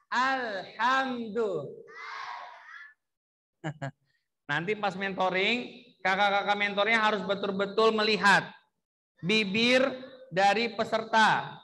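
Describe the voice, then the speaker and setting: Teacher, man, slow deliberate recitation drills, very high bright voice. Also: in a large hall. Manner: demonstrates vowel sounds and has the class repeat.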